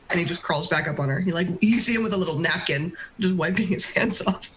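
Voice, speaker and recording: A player in a tabletop game, describing actions and making dry, deadpan jokes. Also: medium pitch, fast talker, slight background noise, rough recording.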